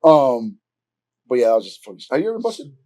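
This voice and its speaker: A man hosting a podcast, telling a story in animated casual chat full of swearing and acted-out quotes. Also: mid-range voice, fairly quick. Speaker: podcast host.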